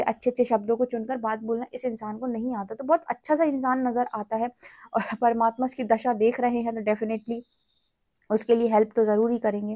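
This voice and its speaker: A woman with a somewhat high voice gives a tarot reading. She talks in a gentle, explanatory way and keeps checking in with her listener as she goes. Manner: gentle, explanatory, repeats "theek hai". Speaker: tarot reader. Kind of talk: spiritual reading to camera.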